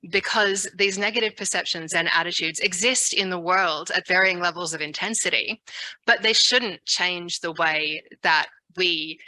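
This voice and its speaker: A woman speaks frankly and reflectively at a forum. Her voice is very bright and a bit low, and the sound is dry and close. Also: no room sound, rough recording.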